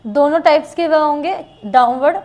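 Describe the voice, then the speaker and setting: A woman teaching shorthand, slowly spelling out letters and repeating each example word twice. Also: sits high, darkish tone, faint music behind. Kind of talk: classroom lesson with board writing.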